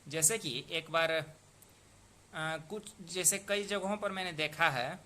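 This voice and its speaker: A man teaching the rules of poetic meter in a patient lesson, repeating words and sounding them out slowly. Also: a little high, sharp tone. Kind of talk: explanatory lesson.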